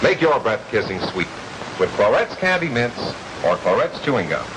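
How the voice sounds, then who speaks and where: A man announcing an emphatic, upbeat sales pitch in a 1950s TV commercial, heard through noisy old broadcast audio. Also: sing-song, moderate pace. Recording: hissy old TV soundtrack.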